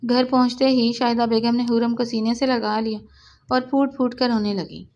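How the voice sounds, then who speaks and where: A woman narrating a romance novel in a steady, dramatic storytelling manner. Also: a little high, lo-fi sound.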